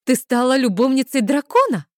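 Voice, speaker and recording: A woman voicing a pushy, shrill young friend. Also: big pitch swings, moderate pace, dry recording, studio quality. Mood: eager. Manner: loud, insistent, shrill exclamations. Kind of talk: audiobook character voice.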